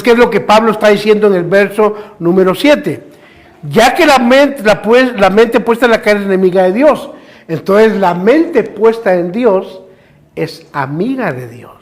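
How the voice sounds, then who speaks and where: High-voiced male pastor preaching fervently. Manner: fervent preaching with rhetorical questions, addresses listeners as brother. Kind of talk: sermon. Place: church.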